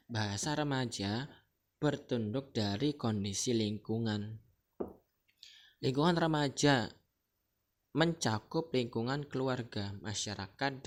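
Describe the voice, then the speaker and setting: A man from Central Kalimantan, Indonesia, teaching a lesson in a casual, chatty way and often checking in with the listener. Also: mid-range voice. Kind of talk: casual explanatory lecture.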